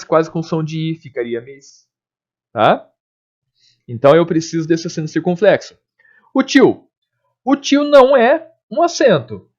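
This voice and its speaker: A man teaching a spelling lesson, explaining step by step and checking in with his students often. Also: on the high side. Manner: explanatory, frequent check-ins like "tá?" and "ok?". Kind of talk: recorded grammar lesson. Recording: dull lo-fi lesson recording.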